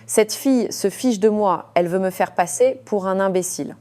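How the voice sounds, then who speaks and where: Story villain: bullying wealthy man, shouting, scornful, read by a woman narrator. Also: medium pitch, normal speed, lightly acted. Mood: angry. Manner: shouting, mocking, imperious. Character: arrogant rich man, bullying and loud.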